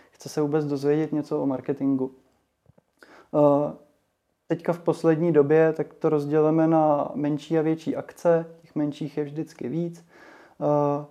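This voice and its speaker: Even-toned man with a mellow voice. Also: fairly high pitch. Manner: hesitant, many fillers and restarts. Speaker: guest, marketing association chairman. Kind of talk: casual interview talk.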